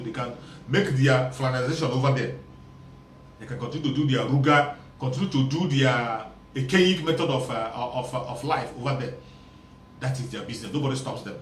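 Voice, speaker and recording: Emphatic man in a roomy echo. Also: mid-range voice. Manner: emphatic, repeats key phrases for stress. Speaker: political commentator. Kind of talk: impassioned political monologue. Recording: roomy echo, distant from mic, faint background hum.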